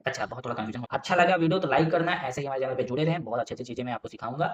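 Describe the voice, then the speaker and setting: A man's voice: mid-range voice, rapid-fire, dull audio. A man teaching a casual spelling quiz lesson, thinking aloud, spelling letters out and repeating words as he works through each answer. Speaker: English teacher for exam prep.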